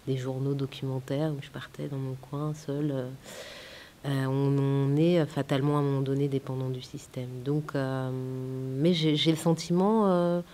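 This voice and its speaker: A woman with a deep bass voice speaks at a normal speed in a warm, fairly even tone. She's a film director from France whose first language is Italian, giving a festival interview thoughtfully, with many hesitations and restarts. A faint hiss runs under the recording.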